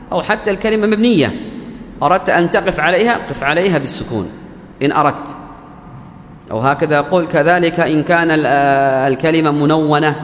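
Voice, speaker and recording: A man teaching the rules of Quran recitation in a religious lesson, speaking deliberately and repeating key phrases for emphasis. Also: a little high. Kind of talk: religious lesson explaining a verse text. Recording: echoey hall with faint background hum.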